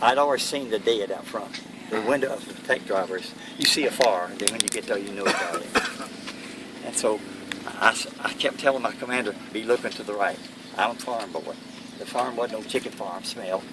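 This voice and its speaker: Old guy w/ kentucky accent telling war memories, plain talk, bit far from the mic, lots of vehicle noise. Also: fairly low pitch. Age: elderly, 80s or older. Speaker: World War II veteran being interviewed. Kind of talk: first-hand war recollection. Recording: noisy, distant mic, vehicle-like background noise.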